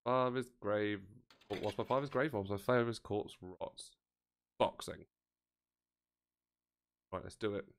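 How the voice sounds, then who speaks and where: Excitable low-voiced streamer. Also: male voice, measured pace, pauses often. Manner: excitable, rambling, swears casually. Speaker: game streamer. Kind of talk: casual livestream commentary while playing. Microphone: close desk mic. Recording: game music playing behind.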